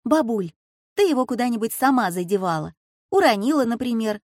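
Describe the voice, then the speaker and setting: A bright, teasing schoolgirl, as a woman reader puts her on, her voice lifted higher than the narration and her words quick and playful. She jokes with her grandmother in an audiobook story. The sound is dry and close, with no room around it. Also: lively intonation, no room sound.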